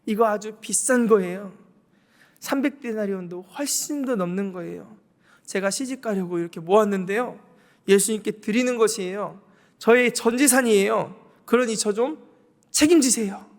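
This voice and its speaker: A man's voice: sits high, moderate pace. A male pastor voicing an eager young woman who pleads as she offers all her savings. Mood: pleading. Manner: pleading, chatty, louder than his preaching. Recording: long hall reverb.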